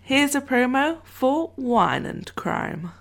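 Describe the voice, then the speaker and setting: A woman hosts a podcast at a slow, unhurried pace. Her voice has a gravelly fry to it as she thanks patrons and sets up the episode. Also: sits high, very animated. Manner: unhurried, reads out thanks and promos. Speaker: podcast co-host. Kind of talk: casual chat.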